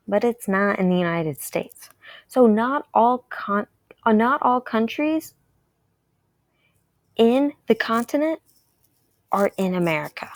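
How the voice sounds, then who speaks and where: A woman's voice: mid-range voice, no echo. A woman from Texas, teaching a recorded math lesson, patient and repeating key ideas to her viewers.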